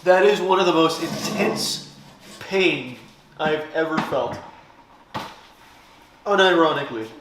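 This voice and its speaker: A man's voice: a little high, normal speed, long pauses, distant mic, noisy background. A man tasting hot sauce with friends, swearing and yelping in pain as he talks. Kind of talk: casual group banter. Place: indoor room with friends. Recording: echoey room.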